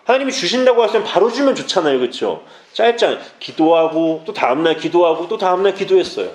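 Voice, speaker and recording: A man preaching a youth sermon in an echoey church hall, his voice sitting on the higher side and swinging widely up and down. He presses his listeners with urgent, direct appeals and breaks in with playful asides. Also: expressive, fast. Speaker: junior pastor. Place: church sanctuary.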